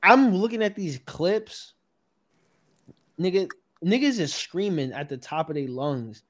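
High-voiced animated man in casual chat. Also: a little slow. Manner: emphatic, animated slang-heavy talk with rising bursts.

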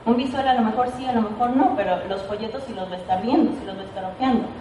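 A woman's voice: on the high side, racing, dark tone, slight background noise. A woman giving an informal training talk to a sales team, chatty and playful, often checking in with "ok?". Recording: echoey room, mic at a distance.

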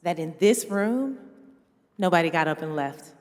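A woman speaking as a guest on a church panel, measured and deliberate. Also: lowish voice, animated, darkish tone. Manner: measured, builds to passionate. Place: church sanctuary. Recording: long reverb of a church hall.

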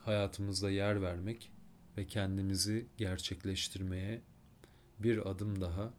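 A man with a fairly low voice leads a guided meditation. He speaks slowly and softly, leaving long pauses between short instructions. A faint noise sits under the recording. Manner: slow, calm, soft-spoken instructions with long pauses.

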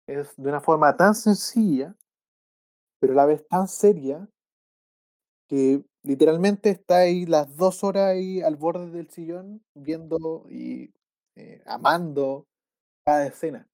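A man with a Chilean accent who co-hosts a casual film podcast, rambling in a relaxed way and often ending with slang tags. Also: a little high, measured pace. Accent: Chilean Spanish. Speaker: podcast co-host.

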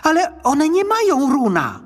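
A man voicing a brave, quick-thinking young boy in a spoken storybook, with eager exclamations. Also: extremely high pitch, wildly swooping pitch, long reverb tail, voice pushed up, heavily acted. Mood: earnest.

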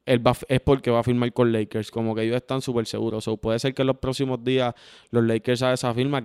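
A man's voice: medium pitch, darkish tone, smooth, no room sound, studio quality. A man co-hosting a sports podcast, laid-back and teasing, slipping English words into his talk. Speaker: podcast co-host.

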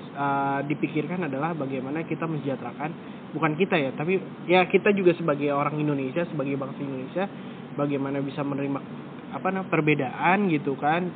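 A man's voice: a little high, fairly even intonation, a little fast. A man hosting a casual conversation, talking in rambling, self-correcting runs with frequent fillers. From West Java. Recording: tinny phone-like audio with clear background noise.

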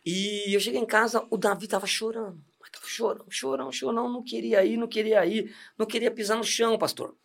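High-voiced chatty man. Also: steady tone, fast, creaky, hardly any pauses. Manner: chatty, laughing storyteller with many restarts. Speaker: deacon giving testimony. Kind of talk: casual testimony chat.

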